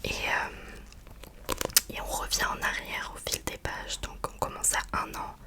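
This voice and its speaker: Casting: female ASMR book reviewer, hushed library whisper throughout, informal and hesitant delivery. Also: a little slow. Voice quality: soft unvoiced library-like whisper. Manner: hesitant, informal, searching for words.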